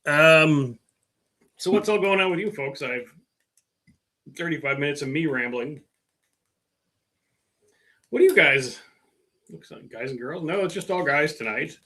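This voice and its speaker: With a fairly high, lively, slightly bright voice, a middle-aged man speaks a little slowly and pauses often during his laid-back car-work livestream. He rambles, fills gaps with filler words, mocks himself, and reads viewer comments.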